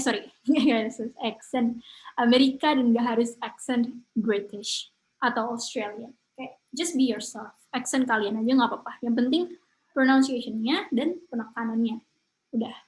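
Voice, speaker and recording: Young woman, slightly high voice, casual online English teacher, chatty. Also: rough recording. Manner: chatty, mixes English words into Indonesian.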